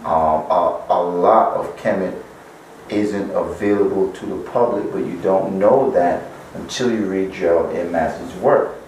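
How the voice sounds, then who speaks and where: Speaking at a measured pace in a low-pitched, darkish voice, a guest author from Barbados offers lengthy interview answers on spiritual teaching. He leans on "you know" often. Faint noise and echo make the room sound far away.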